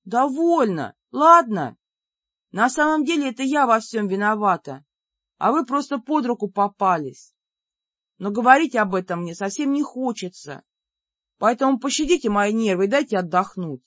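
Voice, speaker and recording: A woman voicing an exasperated young heroine with a high, shrill, pleading voice. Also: animated, normal speed, a bit bright, no room sound. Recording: dull lo-fi dry recording.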